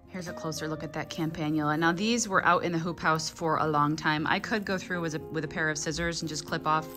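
A woman's voice: lowish voice, fairly bright tone. A woman in her thirties, a flower farmer, chatting enthusiastically in a casual vlog from her basement seed-starting room on a handheld phone camera.

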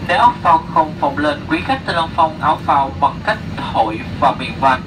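A Vietnamese-accented man reads a flight safety demo as a cabin crew announcement, in a slightly high voice. The scripted delivery comes over the aircraft PA, picked up from some distance with clear cabin noise around it. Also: animated, brisk. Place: inside an airliner cabin. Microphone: cabin PA picked up by distant camera. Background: loud aircraft ambience.

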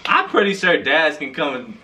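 A man's voice: on the high side, big pitch swings, normal speed, sharp tone. A young man in casual, slangy banter, reading out jokes with some exasperation in a room. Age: young adult. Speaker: challenge participant. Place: small bedroom, indoors. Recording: noisy room, distant microphone.

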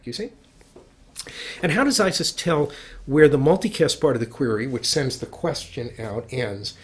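A man's voice: mid-range voice, a little mellow. Man giving a technical lecture. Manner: explanatory, thinks aloud with restarts.

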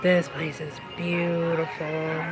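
Woman in her thirties, chatty live-streamer on her phone outdoors, pop music loud in the background. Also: low voice, level tone, slow, rough recording. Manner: chatty, answers viewers with "yeah, girl". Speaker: vlogger. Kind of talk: casual live-streamed vlog. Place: outdoors at a vineyard. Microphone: phone held at arm's length.

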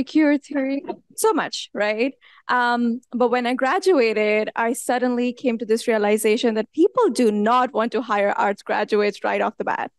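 Smooth, high-voiced woman on a panel. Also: no echo, studio quality. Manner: lively, chatty, with many fillers. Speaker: alumni panelist. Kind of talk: answering on a live panel. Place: large university lecture hall.

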